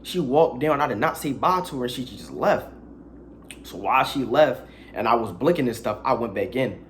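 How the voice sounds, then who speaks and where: A man's voice: medium pitch, lively intonation, moderate pace, slight background noise. A young man telling a crude, slangy story in a casual storytime vlog, with dramatic asides.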